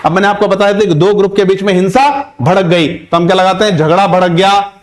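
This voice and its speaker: A man tutoring English vocabulary in Hindi, explaining each word and reading English example sentences slowly and deliberately. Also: high voice, fairly even intonation. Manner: emphatic, repeats points with rhetorical questions.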